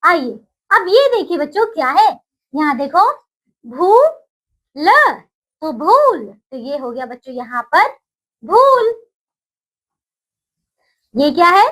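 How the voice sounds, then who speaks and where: A woman teaching a Hindi lesson to young children, slow and sing-song, stretching each new word with a lift in her voice. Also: high-pitched, very animated, fairly bright tone, poor audio. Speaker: primary school Hindi teacher.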